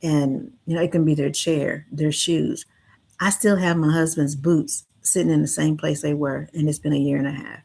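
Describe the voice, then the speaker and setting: A woman with a deep-set, low voice talks straight to her listeners as a livestream host. Her manner is earnest and gentle, offering reassurance the way a counselor would. The delivery is unscripted and heartfelt. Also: flat delivery, moderate pace, gravelly, slightly rough. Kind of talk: heartfelt livestream talk to camera.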